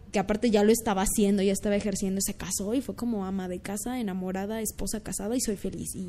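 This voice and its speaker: A young woman with a Mexican accent in casual, earnest chat, telling stories and dropping to soft murmurs. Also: medium pitch, slight background noise. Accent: Mexican Spanish.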